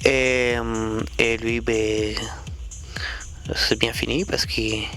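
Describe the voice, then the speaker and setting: Man, gravelly and low-key storyteller, slow and halting, faint music underneath. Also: level tone, pushed and bright. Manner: slow, halting delivery with many fillers. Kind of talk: storytelling anecdote.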